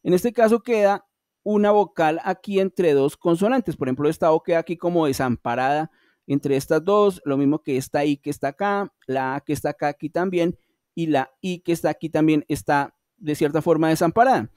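A man with Spanish as his first language, teaching English in an online class. He walks through each rule patiently, speaking directly to his students. His voice sits a little high, and the sound is close and dry with no room around it. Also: a little fast, darkish tone, no room sound.

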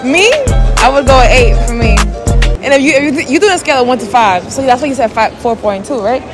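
A woman's voice: high-pitched, fast, over music. Sassy young woman in a busy mall. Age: young adult. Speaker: interviewee. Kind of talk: casual chat. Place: indoor shopping mall.

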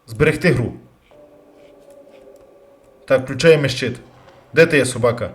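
A man commentating his own gameplay, bursting into loud curses and then dropping to quiet muttering. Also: medium pitch. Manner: loud outbursts and heavy swearing; jumpy, rapid switches between yelling and muttering. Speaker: let's play gamer.

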